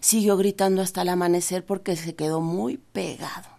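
A woman with a Mexican accent telling a folk tale in a lively, expressive way with dramatic pauses. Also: fairly low pitch, vocal fry. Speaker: storyteller.

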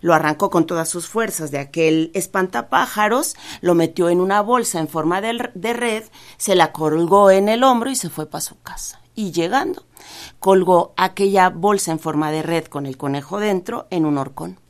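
A woman with a Mexican accent telling a folk tale in a lively, expressive way with dramatic pauses. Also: on the low side. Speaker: storyteller.

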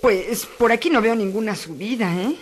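A woman playing an expressive, worried hiker lost in the woods in a children's audio drama. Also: fairly high pitch, moderate pace, a little hiss or hum, close to an everyday voice. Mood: doubtful.

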